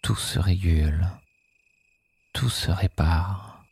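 Sleep hypnosis guide: hushed and soothing, dark mellow tone, slightly husky, extremely unhurried delivery. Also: low-pitched. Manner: soothing, hushed, with phrases echoed softly.

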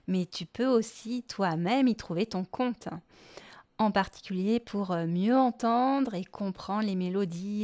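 A woman's voice: mid-range voice, a little mellow. A woman hosting a podcast, explaining music lessons for children patiently and step by step, with hesitant fillers as she thinks. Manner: patient, explains step by step, addresses the listener informally. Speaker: podcast host and music teacher.

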